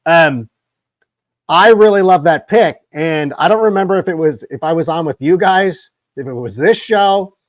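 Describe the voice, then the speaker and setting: A man's voice: a little high, dry recording. A man hosting a casual sports podcast, telling long, winding stories with many restarts. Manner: long-winded, rambling storyteller. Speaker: podcast host.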